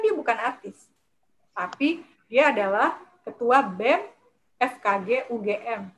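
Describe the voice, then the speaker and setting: A woman giving a lively public speaking workshop to a live audience, talking in a chatty way and acting out timid speakers. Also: on the high side, slight background noise, low-quality recording. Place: lecture room with a live audience.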